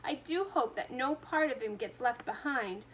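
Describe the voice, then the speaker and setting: A woman playing a fussy, eccentric man who runs a chocolate factory, full of theatrical exclamations. His voice sits fairly high and is loud and emphatic throughout this read-aloud story. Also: lively intonation, normal speed, a little hiss or hum, poor audio. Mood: fretful.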